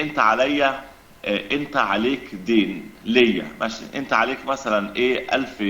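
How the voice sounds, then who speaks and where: A man's voice: lowish voice, bright, forceful tone, echoey room. A man with an Egyptian accent, arguing his point insistently in a religious debate and explaining it with everyday examples. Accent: Egyptian Arabic.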